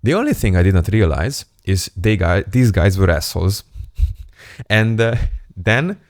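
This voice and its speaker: A young Hungarian self-improvement YouTuber tells a personal story to camera in a casual monologue, playful, self-mocking and candid. His voice sits low with big pitch swings and a measured pace, recorded in clean studio sound with no room echo.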